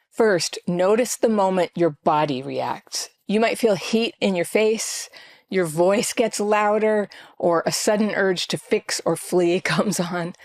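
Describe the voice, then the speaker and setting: Low, gravelly-voiced woman giving advice. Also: darkish tone, no room sound. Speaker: relationship coach. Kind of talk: advice talk to camera.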